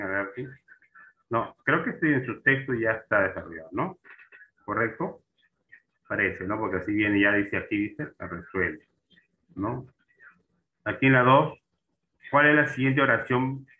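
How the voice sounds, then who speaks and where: A man teaching an online class, often checking in with students and asking questions as he goes. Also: fairly low pitch. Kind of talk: online class on Spanish accent marks. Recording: tinny phone-like online call audio.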